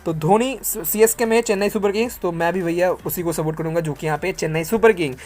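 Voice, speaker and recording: Viewer questions get casual, explanatory answers from an Indian tech channel host who talks quickly in a slightly mellow, medium-pitched voice. There's a little hiss or hum on the audio, and he keeps calling listeners "bro" and "friends" while mixing English tech words into his speech.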